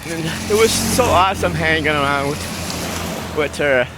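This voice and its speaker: A vlogger from Massachusetts walks down a city street, rambling affectionately through personal stories and often repeating himself. His voice is a little high and unhurried, with noisy surroundings.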